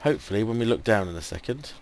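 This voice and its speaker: Racing through his words, an English let's play host casually narrates his game, full of ums while his voice fades. His fairly low, darkish voice is animated and carries vocal fry.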